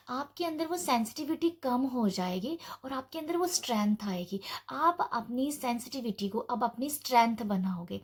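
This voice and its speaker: A woman giving a casual pick-a-card tarot reading, gentle and reassuring, thinking aloud with soft fillers. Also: on the high side. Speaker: tarot reader.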